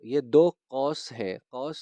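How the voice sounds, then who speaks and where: The recording is dry as a man explains punctuation in a grammar lesson. His voice is mid-range and mellow, and he patiently goes over key terms again while checking his students' understanding.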